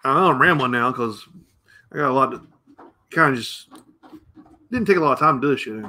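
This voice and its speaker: A man's voice: medium pitch, animated, brisk, sharp tone. A middle-aged American man hosting a show, ranting bluntly and profanely and rambling as he goes. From United States. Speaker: podcast host. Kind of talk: opinionated rant.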